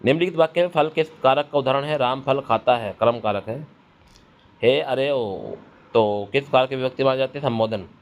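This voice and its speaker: A man's voice: mid-range voice, moderate pace. A man teaching an exam-prep grammar lesson, asking questions and answering them himself while repeating key terms. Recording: dull lo-fi recording with faint noise.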